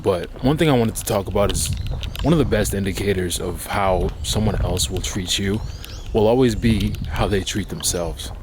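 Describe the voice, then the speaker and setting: Low-voiced man vlogging on a walk. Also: normal speed, few pauses. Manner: talking while out walking. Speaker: vlogger giving life advice. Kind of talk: casual reflective talk to camera. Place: outdoors on a walk. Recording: outdoor city ambience, clear background noise. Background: outdoor urban noise, vehicles.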